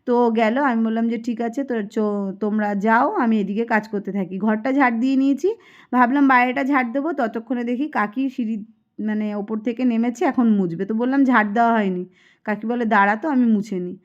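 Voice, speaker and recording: Here a Kolkata vlogger in her thirties talks briskly in a slightly high voice over dull audio. With her Kolkata Bengali accent, she chats casually to viewers from inside her home, keeping up a homely running commentary while doing chores.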